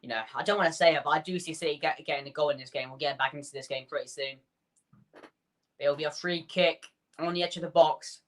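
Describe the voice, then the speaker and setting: A man hosting a fan watchalong, calling the match player by player in quick bursts and chatting with his viewers between the action. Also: a little high, steady tone, fairly bright tone. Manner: rapid player-by-player calls, chatty asides to viewers. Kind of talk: live play-by-play fan commentary.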